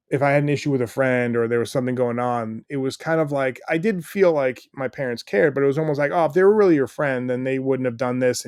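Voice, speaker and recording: A man's voice: mid-range voice, smooth, dry recording, studio quality. A middle-aged man, a stay-at-home dad guesting on a podcast, talking in an earnest, rambling way with lots of fillers. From United States. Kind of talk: casual interview chat.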